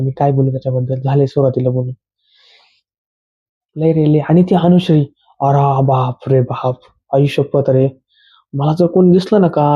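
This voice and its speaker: A man rants bluntly in casual slang, his voice sitting a little high. He sounds exasperated as he reviews a reality show. The recording is dull and lo-fi.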